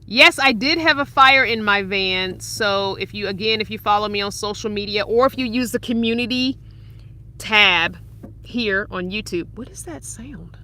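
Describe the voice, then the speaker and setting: Bright-voiced chatty woman in her forties. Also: mid-range voice, normal speed. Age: 40s. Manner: chatty and upbeat, laughs often. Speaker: van-life vlogger reading live chat. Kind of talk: casual live-stream chat. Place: inside her parked van.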